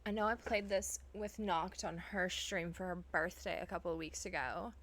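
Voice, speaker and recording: Woman, live streamer, bright tone, casual chatty talk, self-deprecating, laughs a lot. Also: on the low side, steady tone, moderate pace.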